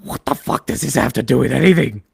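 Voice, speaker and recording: A woman's voice: extremely low pitch, fast talker, gravelly, darkish tone, slightly rough, no room sound. A woman co-hosting a casual podcast chat, exasperated, swearing a lot and laughing easily. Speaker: podcast co-host.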